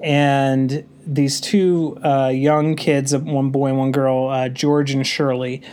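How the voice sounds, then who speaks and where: A man's voice: mid-range voice, little pitch movement, slow, a little mellow, slight background noise. A man hosting a casual horror film review, congested from a cold, talking in a rambling way with many fillers. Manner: rambling, filler-heavy delivery.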